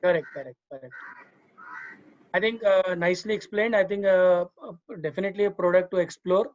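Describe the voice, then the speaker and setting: A man's voice: sits high, brisk. A man with an Indian accent moderating an online session off the cuff, heard through lo-fi call audio. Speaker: session host. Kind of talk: unscripted online panel moderation.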